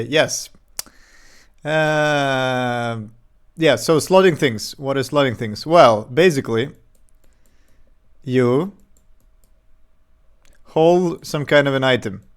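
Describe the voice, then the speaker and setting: A man from Serbia with a Serbian accent, chatting casually on a game development live stream into a desk microphone, halting and full of fillers. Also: medium pitch, vocal fry. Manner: halting, many fillers and restarts.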